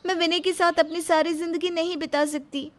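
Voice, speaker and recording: A woman voicing an ambitious, haughty young woman officer in an animated story. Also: extremely high pitch, brisk, pitched above the performer's own voice. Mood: cold. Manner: haughty, curt.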